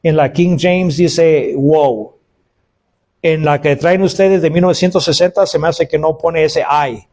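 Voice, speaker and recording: A pastor preaches to his congregation, addressing them as brothers and acting out quoted cries of woe. His voice sits on the high side, a little mellow, with a steady tone and an unhurried pace.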